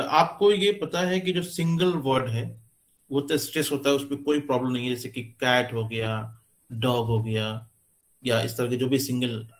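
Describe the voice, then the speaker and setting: A man giving a classroom lecture, explaining slowly with many pauses and fillers as he points to what he writes. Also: mid-range voice. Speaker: teacher. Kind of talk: classroom lecture on English stress.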